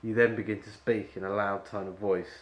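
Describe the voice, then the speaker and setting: A man's voice: lowish voice, level tone, brisk. A man directing an actor at an audition, rambling and full of fillers as he explains the scene. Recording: echoey room with faint ambience.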